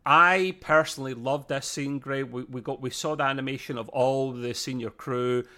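A man's voice: mid-range voice, steady tone, normal speed, sharp tone. A man with a British accent co-hosting a podcast, chatting casually in a rambling, self-interrupting way. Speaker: podcast co-host. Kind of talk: casual review chat.

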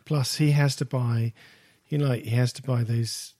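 A man's voice: medium pitch, fairly even intonation, moderate pace, warm tone. A man co-hosting a podcast, chatting casually about a record and laughing often at his own jokes. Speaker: podcast co-host. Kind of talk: casual music review chat.

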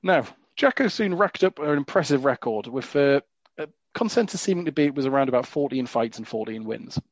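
A man's voice: mid-range voice, expressive, a little fast, no room sound. A man hosting a podcast in casual, jokey chat, full of asides and fillers. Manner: chatty, jokey, frequent "you know" fillers. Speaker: podcast host. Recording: dull lo-fi dry recording.

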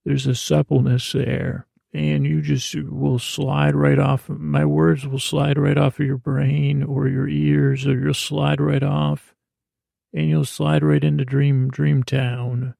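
Speaking slowly and flatly, a bedtime podcast host with a fairly high but dark-toned, creaky, gravelly voice rambles to help his audience fall asleep. His stammering monologue wanders, trails away and changes subject, recorded in studio quality without echo.

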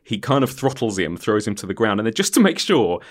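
Deep voiced guy hosting a laid-out casual film chat, retelling scenes. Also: very animated, brisk. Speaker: podcast host, quizmaster.

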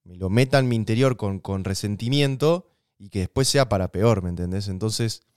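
Podcast co-host, Argentine man, smooth voice, dry close sound, easygoing and slangy. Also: on the low side, moderate pace, no echo. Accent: Rioplatense Spanish. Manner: relaxed, conversational, uses slang and examples. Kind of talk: casual relationship advice chat.

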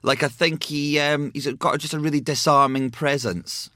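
A man's voice: fairly high pitch, steady tone, moderate pace, bright, forceful tone, no room sound, clean studio sound. A man co-hosting a podcast, rambling enthusiastically in casual chat. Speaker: podcast co-host.

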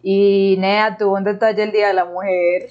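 A woman's voice: medium pitch, little pitch movement, normal speed, muffled recording. A woman in her thirties with a Colombian paisa accent, hosting a podcast in slangy, laugh-filled casual chat. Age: 30s. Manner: slangy, laughs often, chatty. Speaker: podcast host.

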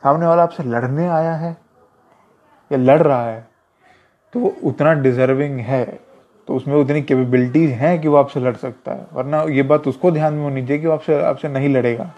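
Brief: male self-defense instructor, mellow chatty delivery, dull lo-fi recording. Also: fairly high pitch, steady tone, normal speed. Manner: conversational, repetitive, addresses listener as brother. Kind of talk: casual advice talk.

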